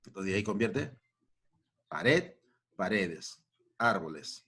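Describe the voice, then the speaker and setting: A man's voice: low-pitched, very animated, slow, a bit bright, breathy edge. A man teaching a grammar lesson to children, repeating each point and checking in with short questions.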